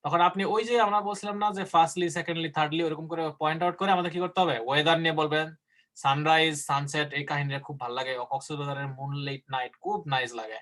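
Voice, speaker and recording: A man with a fairly high voice teaches an online class. He explains at length and slows down carefully for English example sentences. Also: fairly even intonation, a bit bright. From Bangladesh. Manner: explains in Bengali, slowing down to model English sample answers. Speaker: IELTS teacher.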